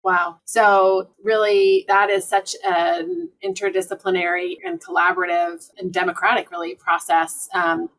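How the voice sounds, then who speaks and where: A woman's voice: mid-range voice, measured pace, few pauses, fairly bright tone, recorded from a distance, low-quality recording. A woman hosting a podcast interview, asking long, winding questions with enthusiasm. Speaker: podcast host.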